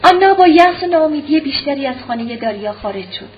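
A woman narrating an audiobook of a classic novel in a steady, measured way. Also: sits high, muffled recording, slight background noise.

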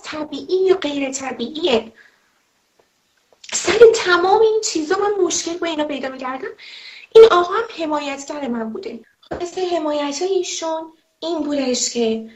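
Woman, former TV presenter, personal testimony, indignant, emphatic, slightly dull echoey recording. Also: sits high. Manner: emphatic, indignant, with rhetorical questions. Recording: roomy, slightly dull audio.

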